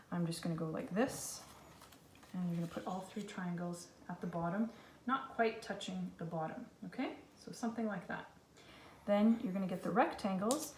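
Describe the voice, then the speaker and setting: A woman teacher giving a casual craft lesson to young children, with simple, reassuring step-by-step instructions. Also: fairly low pitch. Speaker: kindergarten teacher. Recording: echoey room, distant mic, faint noise.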